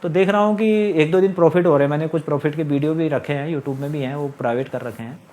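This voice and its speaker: A man's voice: on the high side, fast talker, a little mellow. A young man telling his own story in a casual, aggrieved monologue to camera, often quoting others. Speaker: vlogger.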